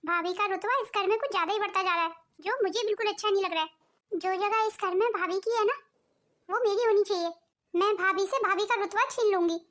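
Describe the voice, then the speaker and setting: A woman's voice: very high-pitched, a little fast, fairly bright tone. A woman voicing a jealous, scheming young daughter-in-law in a cartoon, with a sulky, complaining manner. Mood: resentful.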